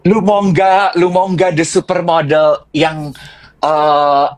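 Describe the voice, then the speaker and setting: Seorang pria mengobrol santai dan bergosip sebagai pembawa acara, dengan gaya menggoda. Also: male voice, fairly high pitch, little pitch movement, slow pace. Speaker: co-host. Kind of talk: casual gossipy chat.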